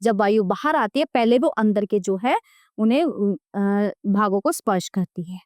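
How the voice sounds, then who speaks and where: A woman's voice: medium pitch, lively intonation, dry recording, clean studio sound. A woman teaching a children's grammar lesson, spelling out letters and examples one by one and often checking in with her listeners. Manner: slow, deliberate, checks in with "ठीक है?". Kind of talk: classroom lesson explaining a video book.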